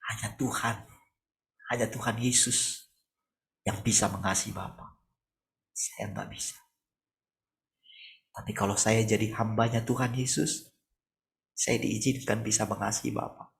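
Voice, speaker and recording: A man, a pastor giving a conversational morning sermon over a video call, asking rhetorical questions and moving between soft and raised tones. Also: fairly low pitch, fairly even intonation, moderate pace, gravelly, long pauses.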